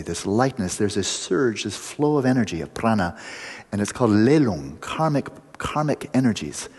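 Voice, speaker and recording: A man giving a meditation talk to a group, explaining in vivid images with pauses and restarts. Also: on the low side, darkish tone, breathy edge, long reverb tail. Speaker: meditation teacher. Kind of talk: dharma talk to a retreat group.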